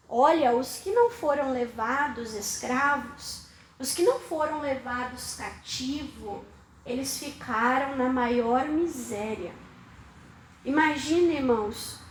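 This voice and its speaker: A woman preacher delivers a sermon in a strikingly high voice. She speaks slowly and emphatically, hammering phrases through repetition and putting questions to her listeners, her words ringing through an echoey church hall. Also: a little hiss or hum. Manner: emphatic, questions the congregation, repeats for stress. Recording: echoey room.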